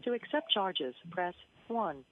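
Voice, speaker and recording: A woman's prerecorded prison payphone collect-call announcement, delivered in a flat, scripted, measured way over a phone line. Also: on the low side. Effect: prison payphone collect-call message over a phone line. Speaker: automated collect-call operator. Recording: tinny phone line with loud hiss.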